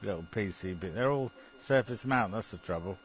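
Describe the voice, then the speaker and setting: At normal speed and with animated delivery, this British radio hobbyist's fairly low voice works through technical chat, pausing uncertainly, laughing softly and saying things twice.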